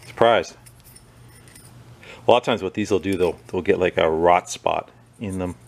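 A low-voiced man speaking at normal speed hosts a small engine repair video. Easygoing and chatty, he talks through his work at the bench of a workshop that has a wire wheel, occasionally turning away from the microphone.

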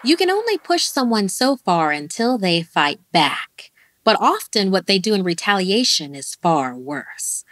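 Expressive woman narrating a scary tale. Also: mid-range voice, unhurried, dry recording. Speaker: podcast narrator. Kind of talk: scripted horror narration. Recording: faint music bed.

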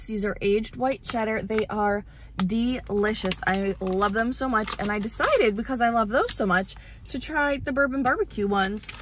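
A woman's voice: fairly high pitch, background noise. A young woman vlogging casually, chatting with lots of "like" fillers and easy laughs while out running errands. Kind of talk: casual vlog chat. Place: car and errands, in and out of doors.

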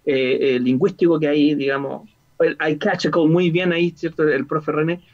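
A man's voice: on the high side, fairly even intonation, normal speed. Man teaching English, lo-fi audio. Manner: explanatory, repeats "¿cierto?" and "digamos". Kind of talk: online English class explanation. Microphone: video call. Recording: lo-fi online call audio.

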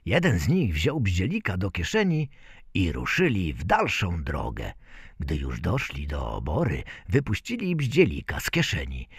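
A man reading a folk tale aloud in a lively storytelling manner. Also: deep voice, slightly rough, no room sound, studio quality. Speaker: narrator.

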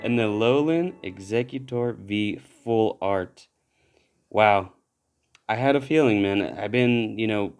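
A man giving casual commentary while opening trading card packs, relaxed but breaking into excited exclamations at good pulls. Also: lowish voice, clear, resonant tone. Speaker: card pack opener.

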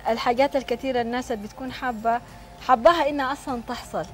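Quick, high-voiced Sudanese woman presenting. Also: steady tone, soft background music. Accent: Sudanese Arabic. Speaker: TV show host and prize draw presenter. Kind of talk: live TV presenting, reading messages and announcing prizes. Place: TV studio, standing.

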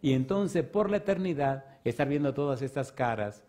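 A man preaching an evangelistic sermon and calling people forward, swinging between loud, fervent preaching and soft pleading. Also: mid-range voice, lively intonation, moderate pace. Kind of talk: evangelistic sermon with altar call. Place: church stage.

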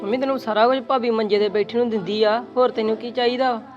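A man's voice: very high-pitched, steady tone, quick pace, muffled recording, soft background music. Man playing a earnest young brother. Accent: Punjabi. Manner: earnest, defending his sister-in-law. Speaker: actor in family drama.

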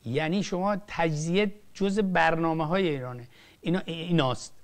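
An older man, a film director, giving impassioned political commentary with emphatic rises and drops and frequent restarts. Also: a little high. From Iran. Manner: emphatic, rising and falling sharply, frequent restarts.

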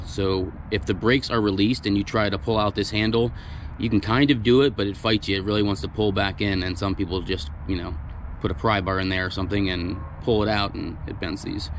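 A truck repair technician with a lowish voice demonstrates a trailer repair on a gravel lot beside trailers, captured on a body-worn camera. He talks plainly and practically, using lots of fillers, with slight background noise.

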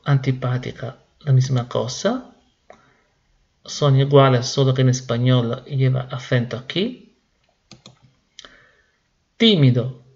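A man teaching Spanish grammar slowly and deliberately, repeating each word. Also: mid-range voice, highs cut off. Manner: slow, deliberate, repeats words. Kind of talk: slow classroom explanation.

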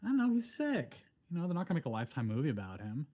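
An actor playing an anxious, guilt-ridden husband in a sitcom. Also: male voice, fairly high pitch, huge pitch swings, mellow, slight background noise. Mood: fretful. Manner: fretful, quick. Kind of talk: sitcom acting.

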